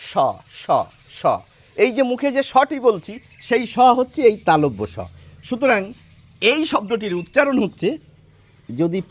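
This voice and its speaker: A man teaching a spelling and pronunciation lesson, explaining step by step and asking the viewers questions, with drawn-out hesitation sounds. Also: high voice. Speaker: Bengali language teacher.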